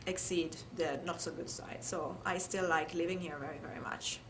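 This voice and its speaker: In this oral history interview, a woman from Italy reflects thoughtfully on her life, her Italian accent evident. She has a fairly low, slightly bright voice with a steady tone at a moderate pace, heard against clear background noise and room ambience.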